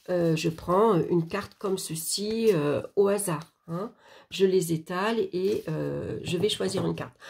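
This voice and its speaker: An oracle card reading is explained casually by a woman from France whose voice sits at a medium pitch with a slightly mellow quality. She addresses the viewer directly in a chatty, hesitant way, often restarting and using lots of fillers.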